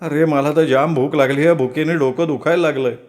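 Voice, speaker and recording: A man's voice: a little high, steady tone, brisk, lightly acted. A man voicing a tense young man in a told story, urgent and blunt. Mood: gloomy. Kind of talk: dramatic storytelling.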